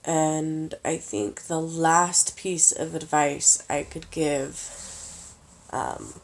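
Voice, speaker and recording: A tired woman giving casual budgeting advice in a vlog, slow and halting with lots of pauses and fillers. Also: low voice, lively intonation. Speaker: vlogger.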